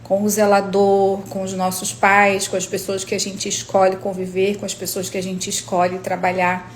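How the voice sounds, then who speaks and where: A woman, an energy therapist sharing reflections in a casual, animated storytelling monologue with frequent tag questions. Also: medium pitch, normal speed, slight background noise.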